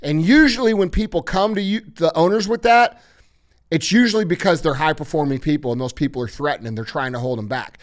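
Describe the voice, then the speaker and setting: A man's voice: on the high side, a little fast. A man hosting a podcast, giving blunt, emphatic motivational advice with heavy swearing. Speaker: podcast host.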